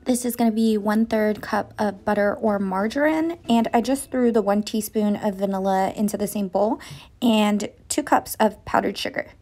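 Her mid-range voice is a little mellow and moderately paced. She's a chatty baking channel host working in her home kitchen, taking viewers through each step individually in a relaxed voice-over.

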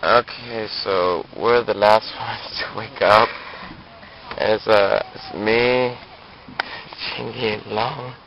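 A young man filming a video diary of a camping trip, with a relaxed, halting manner and many ums and uhs. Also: lowish voice, creaky, dull audio. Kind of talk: casual handheld video diary. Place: car, store, campsite outdoors, tent at night. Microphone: camera held at arm's length. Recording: noisy handheld camcorder audio.

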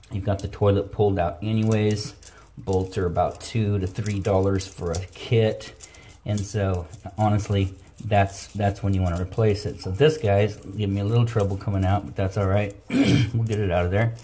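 Recorded on a handheld phone inside a bathroom, a middle-aged Californian plumber walks through a job step by step in a practical, casual way with lots of fillers. He has a low, darkish voice, and there's slight background noise.

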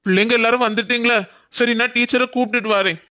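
A woman's voice: fairly high pitch, fairly even intonation, quick pace, pushed and bright, highs cut off. A woman voicing a chatty woman helping at a music class in a cartoon. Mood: friendly.

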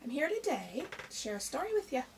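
A middle-aged woman reads a picture book to children quickly in a high-pitched voice, expressive and asking them questions like a primary teacher. The recording, from a camera a short distance away in a small room with shelves, is distant-sounding with faint background noise.

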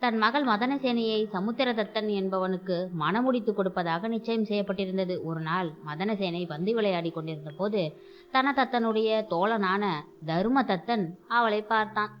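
A woman's voice: mid-range voice, normal speed, highs cut off. Woman reading a folk tale aloud. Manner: acts out character lines in a raised voice. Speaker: storyteller host.

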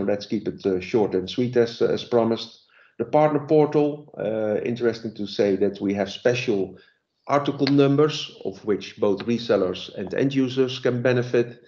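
Man, low and mellow, casual sales webinar pitch with lots of ums and restarts, dull call audio. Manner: relaxed, many fillers and restarts. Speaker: vendor sales presenter.

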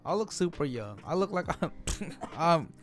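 A man in his late twenties co-hosting a casual Q&A video with his partner, talking in a relaxed, joking way with lots of fillers. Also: on the high side, normal speed, faint music behind. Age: 20s. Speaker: co-host of a couple's channel. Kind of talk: casual Q&A chat. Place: small home studio room. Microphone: studio microphone on a stand, close.

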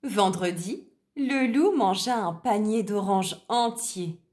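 A woman reading a children's story aloud in a gentle, deliberate way. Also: mid-range voice, lively intonation.

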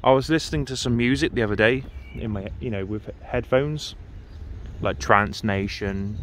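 A train vlogger films a casual vlog on his handheld phone outdoors on a station platform, chatty and rambling, repeating himself with fillers. His mid-range voice is a bit bright at normal speed, with slight background noise.

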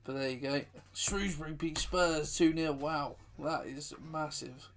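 A man's voice: a little high, unhurried, faint music behind. Man commentating his own football game. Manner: chatty, self-deprecating, bursts of excitement at goals. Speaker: gaming YouTuber. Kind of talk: live gameplay commentary.

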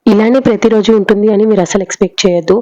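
A mother narrating her family vlog in a rapid, chatty voice-over. Her voice is dark and mellow, recorded close and dry. She talks straight to her viewers, slipping English words in as she goes. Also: mid-range voice, fairly even intonation, dry recording, highs cut off. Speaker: parenting vlogger and mother.

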